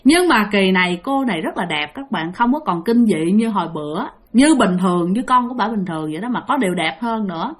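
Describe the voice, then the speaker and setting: A woman's voice: mid-range voice, expressive, a little fast, hardly any pauses. A woman with a Southern Vietnamese accent hosting a ghost-story show, chatting straight to her listeners and repeating phrases as she tells the tale.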